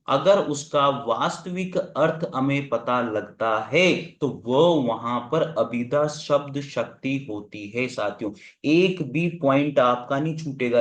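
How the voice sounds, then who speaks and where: Man teaching in an echoey room. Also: mid-range voice. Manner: repeats key terms, asks and answers his own questions; urgent, coaxing asides to students. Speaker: Hindi exam-prep teacher. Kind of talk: online classroom lecture.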